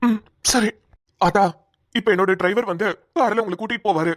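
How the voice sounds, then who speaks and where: A woman's voice: mid-range voice, moderate pace, dry recording, studio quality, lightly acted. A woman voicing an earnest, protective young male police officer in a cartoon, talking urgently and stammering at times. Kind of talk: cartoon voice acting.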